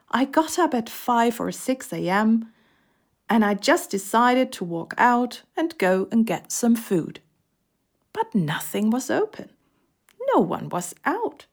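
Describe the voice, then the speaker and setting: A woman's voice: a little high, full character voice. An actress reading a scripted testimonial as a woman from the US telling a story of her first days abroad. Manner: lively, storytelling. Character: woman from the US, amazed newcomer. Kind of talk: scripted testimonial for a listening test.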